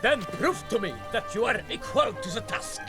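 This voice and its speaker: An actor playing a bumbling, boastful young masked vigilante in a video game, grandiose and mock-archaic, stammering when flustered. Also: male voice, high-pitched, animated, normal speed, over music. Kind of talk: cartoonish swashbuckling game acting.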